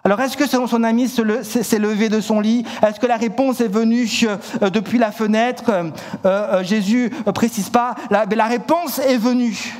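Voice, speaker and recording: Male preacher with a high voice, vivid storytelling, repeats himself, church sermon. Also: normal speed, few pauses. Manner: animated storytelling, acts out shouted lines; repeats words, stumbles and restarts.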